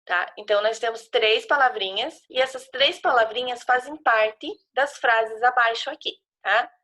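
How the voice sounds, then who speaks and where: At a moderate pace and with a slightly high, pushed, bright voice, a primary school teacher with a Brazilian Portuguese accent walks small children through a worksheet over a remote class. She patiently spells out syllables as she goes.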